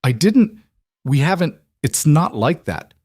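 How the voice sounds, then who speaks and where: A man voicing a cautious, guarded single father who speaks in a halting, reserved way. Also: lowish voice, lively intonation, a little mellow, no echo, clean studio sound.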